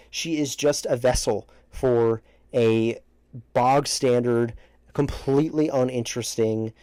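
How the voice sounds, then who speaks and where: A man with a fairly dark, mellow voice reviews films in a casual, opinionated way. He speaks emphatically but haltingly, cutting into his own sentences as he goes. The sound is close and dry, right up on the mic. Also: medium pitch, no echo. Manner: halting, self-interrupting, emphatic. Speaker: movie reviewer ranking films. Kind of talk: casual opinionated video commentary. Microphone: close microphone, breaths hitting it.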